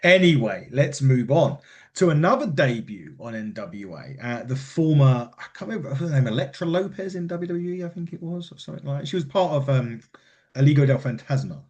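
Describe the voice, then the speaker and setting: Male podcast co-host, mid-range voice with lots of melodic movement, talks in animated, rambling bursts. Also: medium pitch, a little fast. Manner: rambling and animated, with frequent laughs and restarts. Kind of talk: casual wrestling chat.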